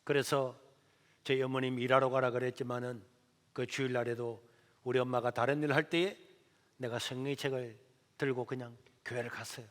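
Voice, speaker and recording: A middle-aged male pastor, telling a story in a lively sermon. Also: medium pitch, fairly quick. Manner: animated storytelling. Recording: echoey church hall.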